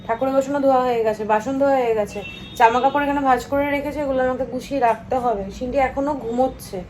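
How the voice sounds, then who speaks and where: A woman's voice: high voice, steady tone, very fast, darkish tone. A tired woman chatting casually to her viewers in a home vlog, complaining about chores and lost sleep. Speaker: family vlogger. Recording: echoey room, distant from mic, noisy.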